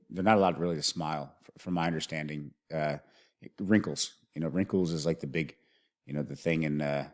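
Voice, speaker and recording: A man hosting a music video reaction, thinking aloud in a rambling way and often restarting his sentences. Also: low voice.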